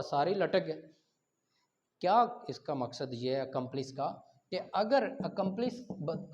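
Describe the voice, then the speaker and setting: His voice sits high and sounds a bit mellow as he delivers a law lecture in Urdu sprinkled with English legal terminology. The Pakistani-accented man works through examples and answers questions he raises himself, all on a dull, lo-fi recording.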